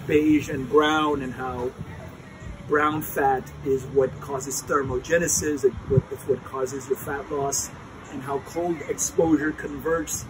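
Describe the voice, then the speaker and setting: A man in his thirties explains things casually and emphatically for a vlog while sitting in ice cold water outdoors, starting to shiver. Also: mid-range voice. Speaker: health vlogger. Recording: clear outdoor ambient noise.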